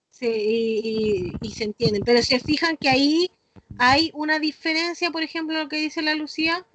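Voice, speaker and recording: A Chilean woman teaches children over a video call, explaining patiently and checking that the class follows along. Her voice sits high. The line carries clear background noise. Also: a bit bright, low-quality recording. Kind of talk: online class.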